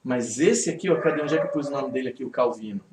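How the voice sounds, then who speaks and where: A man, a pastor teaching a Bible study to a live group in a conversational, animated way, often checking in with his listeners. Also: mid-range voice, quick pace. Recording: echoey room, faint background noise.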